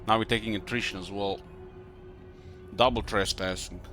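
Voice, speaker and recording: A man giving casual strategy game commentary, thinking aloud with hesitant pauses. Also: fairly low pitch, steady tone, pushed and bright. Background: faint game music.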